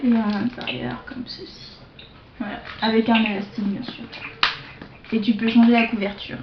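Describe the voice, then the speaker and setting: A woman showing off a shopping haul to her viewers in a casual show-and-tell, hesitant, with many fillers and self-corrections, slipping into soft asides. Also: fairly high pitch, flat delivery, noisy background. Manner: slow, chatty, drops into soft asides. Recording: dull lo-fi home video sound.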